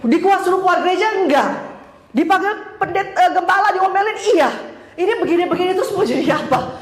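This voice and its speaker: A woman pastor giving a conversational sermon, telling a personal story with lively storytelling and frequent laughter, acting out dialogue. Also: very high voice, brisk. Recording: echoey church hall, faint room noise.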